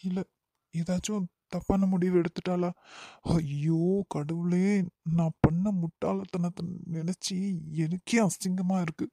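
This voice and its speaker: A man's voice: sits high, fairly even intonation, a little slow, warm tone, dry recording. A man voicing a guilt-ridden young man in a cartoon who laments and reproaches himself, with a Kanyakumari Tamil accent. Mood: remorseful. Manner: despairing, self-reproaching. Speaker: cartoon character.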